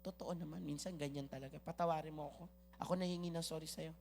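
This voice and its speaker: A preacher acting out a gentle, patient pastor counselling a member in a calm, conciliatory way. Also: medium pitch, fast, gravelly, soft background music, voice pushed down.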